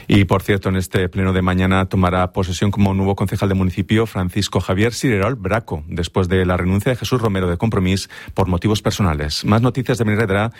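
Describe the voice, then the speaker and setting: A man the reading a local radio news bulletin in a brisk, steady way. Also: deep voice, dry recording. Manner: brisk, steady newsreader delivery. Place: radio studio. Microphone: studio microphone.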